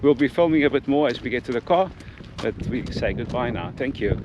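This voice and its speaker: A man with a medium-pitched, animated voice talks a little fast, and the high frequencies sound cut off. He's a vlog host on a hike along an outdoor walking trail, chatting casually and earnestly and often repeating his phrases. The recording is noisy, with clear outdoor ambient sound.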